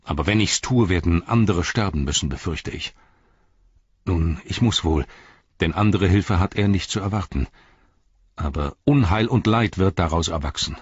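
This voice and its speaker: A man voicing a grave, commanding old wizard who speaks in a deep, measured, stern way, in a dull, dry recording. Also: animated, slightly rough, dry recording.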